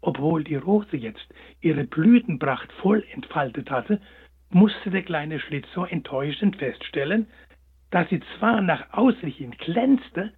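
A man narrating a storybook in a gentle, expressive way, on a tinny line. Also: a little high, breathy edge. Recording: tinny phone-like sound.

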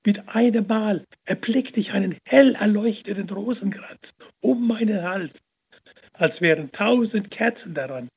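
Man playing a little girl, eager and glad, higher husky voice. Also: unhurried, phone-quality sound, full character voice. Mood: joyful. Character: young girl, rescued, overjoyed and sorry.

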